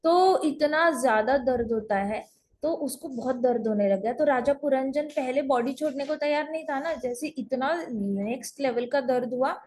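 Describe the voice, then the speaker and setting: A woman's voice: high-pitched, darkish tone, slight background noise. A woman teaching at home over an online call, telling a scripture story in a chatty way and repeating phrases for emphasis.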